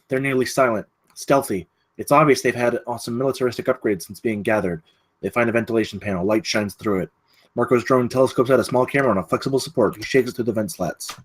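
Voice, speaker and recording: Reading stage directions and scene headings from a screenplay, a man with a mid-pitched voice narrates a table read at a brisk clip.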